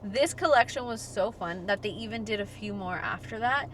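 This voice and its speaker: A woman's voice: medium pitch, normal speed, noisy background. A young woman co-hosting a casual fashion podcast, chatty and full of fillers, laughing easily. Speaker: podcast co-host. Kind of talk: casual chat.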